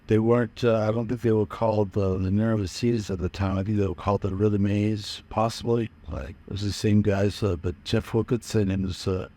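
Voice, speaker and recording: A man's voice: lowish voice, steady tone, normal speed, few pauses, mellow. An older man from Massachusetts, a musician, reminiscing in a loose, rambling way with many fillers and small chuckles. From Manchester, Massachusetts. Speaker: musician interviewed about his early band days. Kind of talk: casual interview reminiscing.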